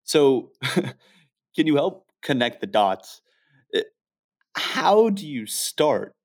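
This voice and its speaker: Unhurried male interview host. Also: mid-range voice, very animated. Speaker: podcast host. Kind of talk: interview questions.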